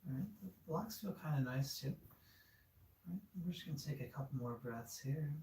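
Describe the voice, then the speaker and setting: Relaxed man leading a yoga class. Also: mid-range voice, moderate pace, a little hiss or hum. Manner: relaxed, encouraging, with fillers. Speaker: yoga instructor. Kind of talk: guided yoga class instruction. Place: studio room. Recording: echoey room, far from mic.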